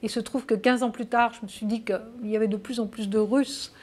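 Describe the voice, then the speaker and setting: A woman's voice: a little high, fairly even intonation, brisk, a little mellow. A woman answering interview questions in a casual, hesitant way, with many fillers and restarts. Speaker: interview guest.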